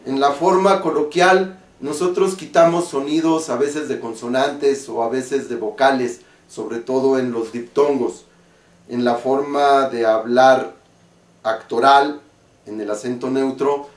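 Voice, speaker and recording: Slow-speaking man teaching acting, roomy sound. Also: mid-range voice. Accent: Mexican. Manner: slow, deliberate, carefully articulated explanation. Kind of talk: spoken lesson on stage diction. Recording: roomy, from a distance.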